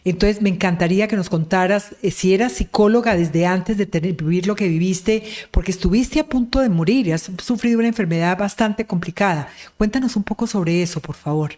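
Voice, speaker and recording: A woman's voice: mid-range voice, a little fast, few pauses, a little mellow. A woman hosting an online interview, effusive and full of praise, with religious turns of phrase. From Colombia. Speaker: interview host.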